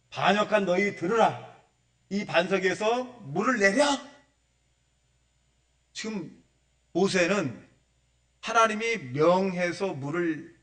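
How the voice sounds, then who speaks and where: A male pastor delivers a Sunday sermon in a church, his voice set a little high. He acts out the people he quotes and swings from loud bursts to near-whispered asides. He sounds distant from the microphone. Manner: animated preaching, acting out quoted voices, swings from loud to hushed. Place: church sanctuary.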